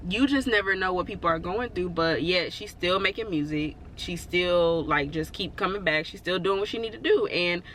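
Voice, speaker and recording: A woman with a lowish, slightly bright voice speaks to her camera at normal speed with few pauses, over a little hiss or hum. Rambling and casual, she reassures and encourages viewers in a motivational vlog peppered with "like" and "you know."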